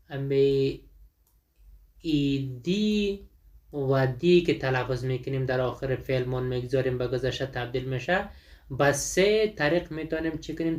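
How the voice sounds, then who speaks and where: Male English teacher, Dari accent, mid-pitched, switches between slow drilled examples and quick explanation. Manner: asks and answers his own questions. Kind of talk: explaining a textbook lesson.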